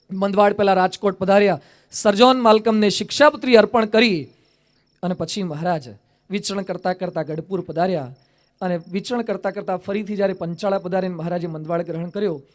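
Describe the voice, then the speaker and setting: Monk preacher, male, high voice, narrative sermon, quips and rhetorical questions. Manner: rhetorical questions and wry humorous asides. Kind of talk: storytelling sermon.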